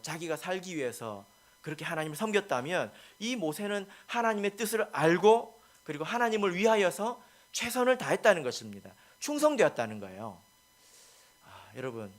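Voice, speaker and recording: A man, a pastor, preaching a sermon, asking the congregation questions and moving from soft asides to loud, emphatic lines. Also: fairly high pitch. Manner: asks the congregation rhetorical questions.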